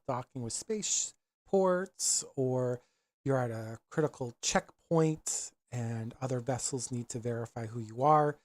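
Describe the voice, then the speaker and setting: Halting man game-mastering, dry close sound. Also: medium pitch, a little mellow, dry recording. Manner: halting, laid-back, searching for descriptive words. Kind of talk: casual improvised tabletop game narration.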